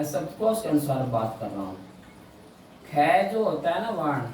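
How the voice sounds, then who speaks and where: Slow-talking male Hindi teacher. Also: fairly high pitch, a little mellow, a little hiss or hum. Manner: slow, stressing key words, repeating questions to students. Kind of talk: classroom lesson on a board. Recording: echoey room, mic far away.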